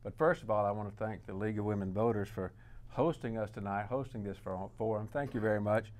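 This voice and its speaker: A man's voice: on the low side, quick pace, a little mellow. A man in his sixties with a Mississippi accent, giving a plain-spoken campaign statement at a candidate forum. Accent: Southern US, Mississippi. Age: 60s. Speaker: candidate for county commission.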